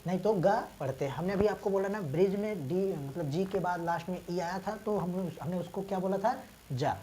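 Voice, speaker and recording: A woman teacher who is unwell and coughs now and then, explaining reading rules step by step, spelling letters out slowly and asking and answering her own questions. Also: fairly low pitch, warm tone, slight background noise, poor audio. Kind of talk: English reading lesson taught in Hindi.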